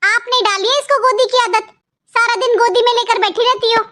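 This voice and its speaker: A woman's voice: extremely high pitch, a little fast, bright, forceful tone. Give me a woman voicing a taunting, spoiled young sister-in-law. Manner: taunting, sarcastic, complaining. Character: spoiled young married daughter, sarcastic and defensive. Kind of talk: Hindi cartoon voice acting.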